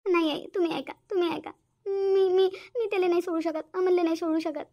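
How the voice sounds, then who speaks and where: A woman's voice: very high voice, fairly even intonation, fairly quick, dark tone, dull audio. A woman voicing a lovesick, stubborn teenage girl in a cartoon, pleading and repeating herself. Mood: defiant. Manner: pleading, repetitive whining. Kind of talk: cartoon voice acting.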